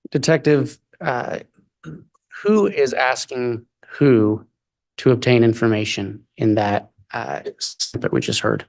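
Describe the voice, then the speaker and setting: A man's voice: mid-range voice, very animated, slow pace, gravelly. A man speaking as an attorney, formally questioning a witness in a courtroom.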